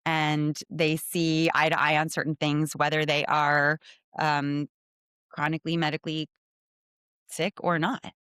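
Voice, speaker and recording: A woman, a hospital medical director, speaking as a guest in a conversational storytelling way, reflective and measured with frequent pauses. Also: low-pitched, flat delivery, a bit bright, clear, resonant tone, no echo, clean studio sound.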